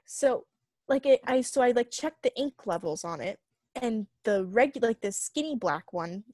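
A young woman co-hosting a podcast, telling a long story in casual chat, full of fillers and animated retellings. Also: on the high side, moderate pace, no echo. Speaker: podcast co-host.

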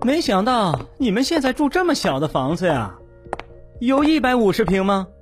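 An actor voicing a smug relative in an audiobook, sneering and mocking, with a lively, swooping pitch. Faint music runs underneath. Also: male voice, moderate pace.

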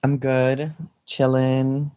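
A man's voice: mid-range voice, completely flat delivery, very slow, warm tone, clean tone, dry recording. A man co-hosting a casual podcast over a video call, speaking in an informal, opinionated way. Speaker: podcast co-host.

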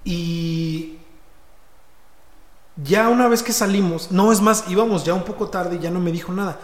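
A man's voice: high voice, measured pace. A man with a Mexico City accent telling a personal story in casual, slangy speech, often repeating and restarting words. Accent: Mexico City Spanish. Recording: echoey room with long reverb.

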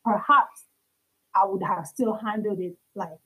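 A woman's voice: medium pitch, a little slow, bright, forceful tone, husky, rough recording. A young adult woman, a podcast guest, earnestly telling a personal faith story in conversation, acting out the dialogue as she recounts it.

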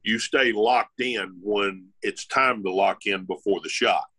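A man's voice: fairly low pitch, unhurried, bright, forceful tone, husky. An older man, a former tour golfer co-hosting a podcast, talking bluntly and instructively. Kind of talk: casual chat.

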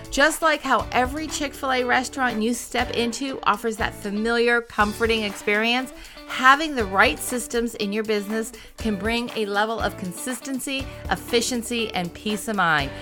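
Upbeat woman host with a bright, tense voice; chatty interviewer who laughs a lot. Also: fairly high pitch. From Ohio, USA. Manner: enthusiastic, laughs often. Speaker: podcast host.

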